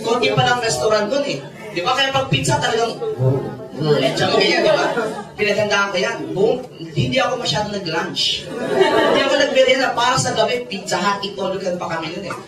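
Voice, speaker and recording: A Filipino-accented man in his forties leads a network marketing seminar, joking with his listeners and acting out bits of dialogue. His voice comes from well back of the mic and rings around a big, echoing hall. A loud crowd fills the space behind him. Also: very high voice, a little fast, distant mic. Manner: animated, joking with the audience, acts out dialogue. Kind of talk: Taglish seminar storytelling. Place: seminar hall with a large audience.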